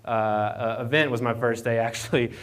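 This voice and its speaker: A man's voice: mid-range voice, fairly even intonation, moderate pace. A man from Virginia with an Appalachian accent gives an informal conference presentation, often repeating words and restarting as he goes. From Appalachian Virginia, United States. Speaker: guest speaker, economic development program manager. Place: speaking to an audience at a live event, standing away from the podium. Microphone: double mic'd.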